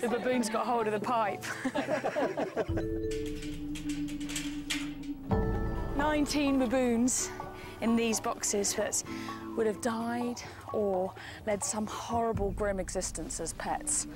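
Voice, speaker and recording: A woman's voice: a little high, drawn-out words, pauses often. A woman presenting a nature documentary in the field, giving unscripted, exclamatory commentary as she works. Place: on location during animal work. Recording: loud music under location sound.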